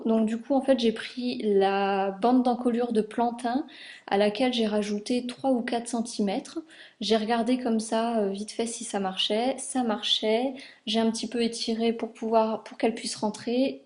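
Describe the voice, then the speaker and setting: A woman's voice: fairly high pitch, fairly even intonation, moderate pace, a little mellow. A young woman from France chatting casually about garments she sewed, with many fillers as she shows the details. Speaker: sewing vlogger. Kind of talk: casual chat.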